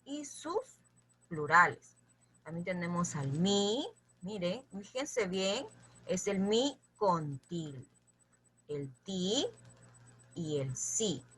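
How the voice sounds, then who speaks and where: A woman's voice: lowish voice, very animated, extremely slow, long pauses, fairly bright tone, slight background noise. A woman teaching a grammar lesson, patiently addressing her students and checking in with them often as she repeats lists for them to memorize.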